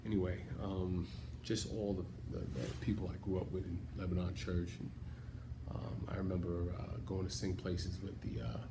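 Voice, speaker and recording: A man's voice: deep voice, level tone, normal speed, heavy background noise. A man recalling his church choir days in a rambling, casual tribute full of fillers. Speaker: former choir member giving a tribute.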